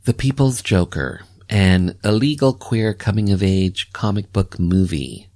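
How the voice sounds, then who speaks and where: A man's voice: fairly low pitch, measured pace, dark tone, no echo, studio quality. A man hosting a radio show, interviewing and announcing.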